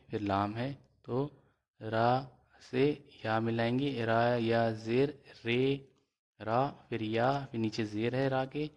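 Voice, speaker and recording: A man teaching a reading lesson, spelling out letters and vowel marks slowly and then blending them into words. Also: medium pitch.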